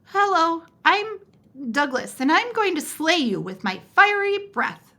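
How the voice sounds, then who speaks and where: A high, lively little dragon boy, timid yet earnest, apologizing and trying hard, as a woman puts him on. His voice jumps up and down in bright, quick bursts. A storybook character read aloud. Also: exaggerated voice. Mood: eager. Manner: eager and apologetic.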